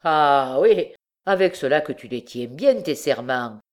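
Mocking bandit husband, gruff and sly, played by a woman reader. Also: low-pitched, expressive, unhurried, darkish tone. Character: coarse scheming male bandit husband.

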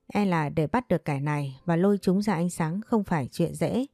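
A woman reads as a shrewd village herb doctor, grave and measured, with a low, mellow tone and a dry, close sound. He weighs every word as he gives his warnings. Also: no echo. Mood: grave, advising.

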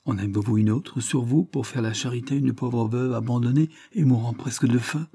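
A man's voice: medium pitch, fairly quick, gravelly, dark tone, a little hiss or hum, lightly acted. A man voicing a sly, lying old peasant widow who whines and pleads. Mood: whining pleading.

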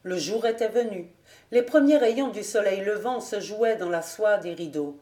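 A woman narrating an audiobook in a slow, measured, deliberate reading. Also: mid-range voice, mellow. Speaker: audiobook reader. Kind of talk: scripted narration. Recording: roomy echo.

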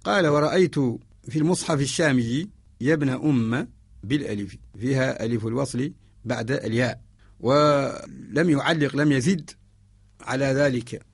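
A man from Mauritania teaches Quran orthography on the radio, his voice gravelly with a husky edge. He works through each point in measured explanation and breaks into a chant for the verses he quotes. The sound is close and dry. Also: mid-range voice, no echo.

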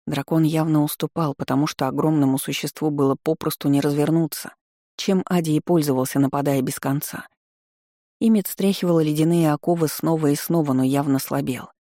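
A narrator giving a steady, expressive audiobook reading of fantasy fiction. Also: mid-range voice, fairly quick, no echo, studio quality.

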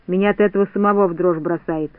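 A man's voice: high-pitched, steady tone, fast talker, clear, resonant tone, no echo, narrow, tinny audio, voice pushed down, close to an everyday voice. A man voicing a grumpy, suspicious little boy who keeps complaining. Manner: grumbling, complaining.

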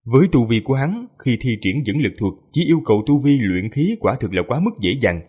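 A man narrating a fantasy audiobook with an expressive, lively delivery. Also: medium pitch, fairly quick, slightly rough. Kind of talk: storytelling narration.

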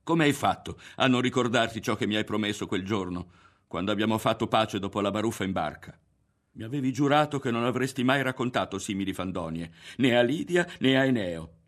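A man reading an audiobook, voicing an angry, suspicious teenage boy who shouts accusations. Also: lowish voice, brisk, natural voice. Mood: furious.

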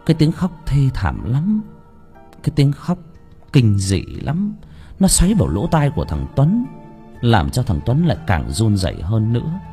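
A man narrating a horror audiobook in an expressive, dramatic way. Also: medium pitch, normal speed. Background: faint background music.

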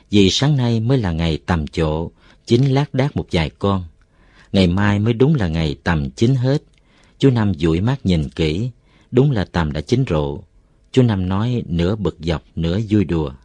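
A man reading a novel aloud, calm and even, as narrator. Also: sits low, dry recording.

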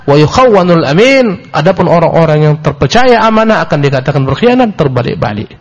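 A man's voice: big pitch swings, brisk. Emphatic preacher man, lo-fi recording. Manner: emphatic, rises sharply in pitch for emphasis, repeats phrases; recites Arabic then explains in Indonesian. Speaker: Islamic preacher. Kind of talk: sermon-style book lecture. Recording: dull lo-fi lecture recording.

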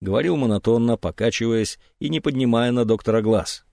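A man narrating an audiobook in an expressive reading. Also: medium pitch, a little fast, gravelly, no room sound, studio quality. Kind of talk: scripted narration.

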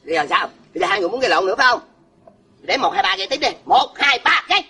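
A man's voice: sits high, animated, very fast, bright, forceful tone, slightly rough. A man hosting a live comedy sketch, teasing and playfully lecturing the quarrelling couple. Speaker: host, mediator in sketch.

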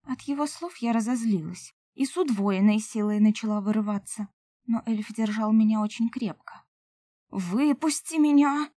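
A woman reading a first-person novel aloud, emotional and breathy at tense moments. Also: mid-range voice, steady tone, normal speed, mellow, no room sound. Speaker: audiobook narrator. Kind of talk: first-person audiobook narration.

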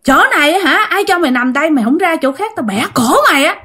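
A woman's voice: high-pitched, lively intonation, fast talker, sharp tone, pitched above the performer's own voice. A woman with a Southern Vietnamese accent voicing a small ghost girl in a red dress who threatens someone rudely. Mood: threatening. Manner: rude threatening.

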